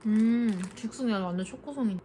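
High-voiced teen girl talking while chewing. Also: fairly quick, loud music behind the voice. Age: teens. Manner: chatty, playful. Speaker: vlogger, student performer. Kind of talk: casual vlog chat. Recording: noisy background.

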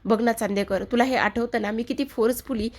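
A woman's voice: on the high side, steady tone, brisk, close to an everyday voice. A woman voicing a bold, quarrelsome young wife who teases and scolds her husband. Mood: teasing. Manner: scolding, argumentative.

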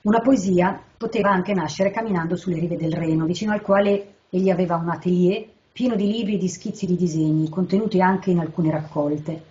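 A woman with a lowish voice gives a careful, measured literary lecture and reads short poems aloud in an unhurried way. The recording sounds dull and lo-fi. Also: mellow. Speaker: translator presenting a poet. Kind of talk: literary lecture with poem readings.

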